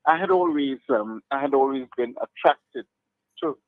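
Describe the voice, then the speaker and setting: An older man from Trinidad, a psychiatrist, talks slowly and hesitantly as a guest on a phone interview. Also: mid-range voice, no room sound. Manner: slow, hesitant, measured. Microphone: phone line. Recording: tinny phone line.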